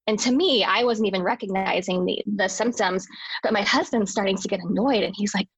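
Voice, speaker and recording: Young adult woman, hospital staff, recounting a personal story earnestly, with restarts, mid pitch, dry room. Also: a little fast, husky, no room sound, low-quality recording. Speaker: interview guest, hospital worker.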